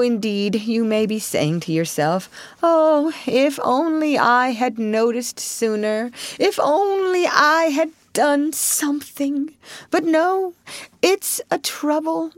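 A woman's voice: high voice, expressive, takes it slowly, no room sound, voice pushed up. A woman voicing a languid, sly male toad in a storybook reading, speaking feebly and melodramatically. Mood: plaintive.

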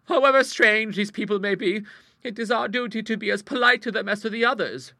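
A man's voice: high voice, brisk, vocal fry, bright, forceful tone, no echo, studio quality, pitched above the performer's own voice, full character voice. A man voicing a prim, decisive elderly spinster woman in a storybook reading.

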